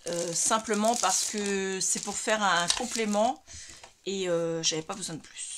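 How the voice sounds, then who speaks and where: A woman's voice: mid-range voice, measured pace, noisy background. A woman in a casual crafting vlog, chatting at home as she shows craft items one by one, with many hesitations. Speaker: crafting vlogger. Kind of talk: casual product showcase. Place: home craft room lit by ceiling light.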